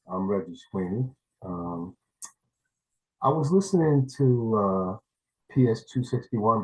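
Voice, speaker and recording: A man's voice: fairly low pitch, low-quality recording. Blunt, rambling New man. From New York City. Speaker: parent giving public comment. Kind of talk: public comment at a meeting. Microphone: video call.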